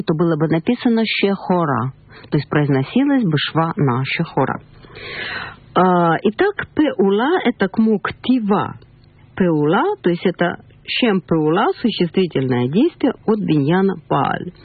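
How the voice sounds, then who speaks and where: A woman teaching a language lesson on the radio, patiently explaining and slowly repeating words. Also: lowish voice, slightly rough, no echo. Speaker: Hebrew teacher. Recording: tinny phone-like radio broadcast.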